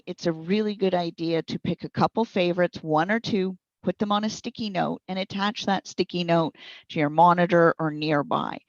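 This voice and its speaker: A middle-aged woman with a lowish voice answers interview questions as a guest trainer, explaining things conversationally and encouragingly. There's no room sound, though the audio is slightly dull.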